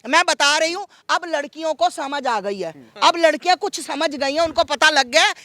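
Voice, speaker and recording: A woman's voice: sits high, normal speed, bright, forceful tone, no echo. A woman speaking as a religious figure in a heated debate, insistent and repeating her points over the others.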